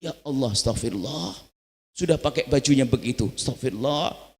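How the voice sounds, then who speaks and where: A man voicing a self-righteous middle-aged housewife gossiping about a neighbor in a hushed, scandalized tone. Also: mid-range voice, a little fast, lightly acted. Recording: long hall reverb.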